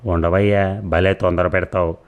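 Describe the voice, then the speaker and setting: A man's voice: low-pitched, level tone, moderate pace, lightly acted. A man voicing a flustered, nervous male new doctor who stammers and panics.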